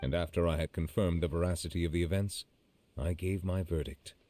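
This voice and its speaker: Man acting a deep-voiced, solemn judge. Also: fairly even intonation, warm tone, lightly acted. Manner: formal, measured, restrained. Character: solemn, formal male judge, measured and regretful. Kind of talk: video game story narration.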